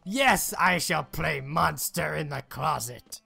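A man's voice: on the high side, slow, vocal fry, pushed and bright, husky, soft background music. A man chatting playfully as he plays a game, with a hammy, theatrical mock-villain drawl. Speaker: gamer playing as a baby. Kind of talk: playful gaming chat.

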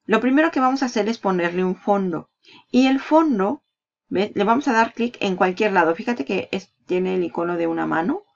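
A woman's voice: medium pitch, gravelly. Chatty woman guiding a tutorial. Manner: chatty, explains step by step with asides. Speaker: online marketing tutor. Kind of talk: screen-share tutorial. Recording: slightly dull lo-fi sound.

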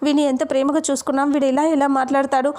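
A woman's voice: high-pitched, flat delivery, rapid-fire, darkish tone, close to an everyday voice. A woman reading a tearful aunt. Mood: hurt. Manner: pleading, grieving.

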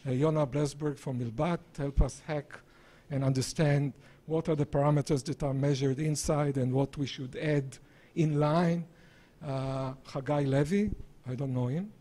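Higher-voiced older man presenting, halting delivery. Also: fairly even intonation, mellow. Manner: halting, hesitant delivery with broken-up phrases. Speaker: presenter, visiting scientist and entrepreneur. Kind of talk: live project presentation. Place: small indoor presentation room. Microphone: handheld microphone, held at varying distance.

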